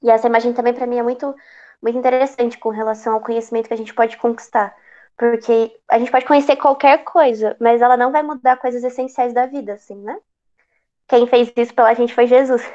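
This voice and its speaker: A woman's voice: fairly high pitch, warm tone, lo-fi sound. A woman speaking thoughtfully and conversationally in an online study group discussion. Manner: thoughtful, conversational, fillers like assim, né.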